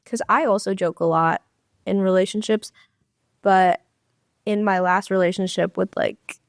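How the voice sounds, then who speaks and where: A young woman co-hosting a casual chat podcast, retelling conversations with quick asides. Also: medium pitch, steady tone, dry recording, studio quality. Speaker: podcast co-host.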